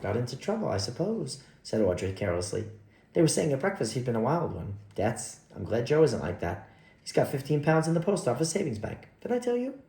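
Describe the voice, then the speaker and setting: A man's voice: mid-range voice, wildly swooping pitch, brisk, warm tone, echoey room. A man voicing a young parlour maid who chatters lightly and carelessly. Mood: chatty.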